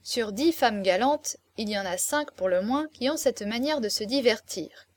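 A woman narrating a classic novel with clear, even storytelling. Her voice sits fairly high and the recording is dry and close, with no room sound. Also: moderate pace, no echo. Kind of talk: audiobook reading of a classic novel.

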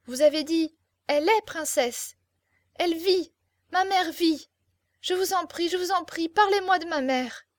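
A woman voicing a naive, excitable young girl full of romantic dreams, talking with eager, breathless pleading in an audiobook reading. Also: extremely high pitch, unhurried, dry recording, studio quality, pitched above the performer's own voice.

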